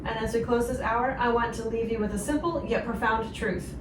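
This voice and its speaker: Pitched on the high side, this host's voice stays steady and fairly quick as she talks with a co-host on a devotional radio program. Her manner is earnest, offering gentle encouragement, though the sound is echoey, distant and noticeably noisy.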